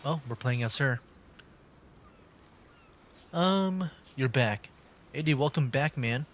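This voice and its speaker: A livestreaming man gives casual live commentary while playing a video game, rambling and thinking aloud over game music. His mid-range voice is animated but slow, with a little hiss or hum in the audio.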